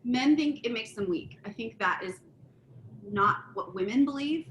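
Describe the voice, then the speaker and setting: In casual conversation on a relationship podcast, this middle-aged co-host uses a fairly bright, higher-pitched voice at a moderate, animated pace. She earnestly lays out her view in detail, backing it with examples. Her recording has an echoey room sound, faint ambience, and slight background noise.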